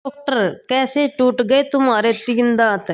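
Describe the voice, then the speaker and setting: In a fairly high voice, a woman reads short jokes aloud one after another, comedy-channel style. Her pace is unhurried and deliberate, giving each punchline room to land.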